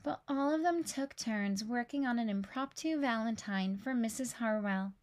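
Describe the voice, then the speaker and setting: Her voice is a little on the high side, and she moves at a normal speed while expressively narrating a children's picture book aloud.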